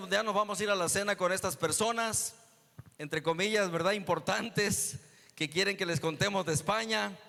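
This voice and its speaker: Man, guest pastor, sermon storytelling, high voice, gravelly, reverberant church hall. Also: sharp tone. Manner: storytelling, acting out dialogue. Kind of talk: sermon testimony.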